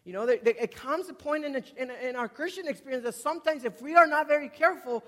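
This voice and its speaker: Preaching to a congregation in a big indoor hall, a twenty-something man speaks very high and fast, his expressive voice echoing with long reverb. He repeats key words emphatically, alternates loud emphasis with softer asides, and keeps asking the congregation questions.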